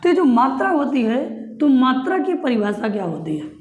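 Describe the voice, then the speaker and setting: A woman teaching a Hindi grammar class, repeating her questions and dictating definitions slowly for students to note down. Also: sits high, big pitch swings, a little mellow, reverberant, slight background noise. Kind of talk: classroom lesson.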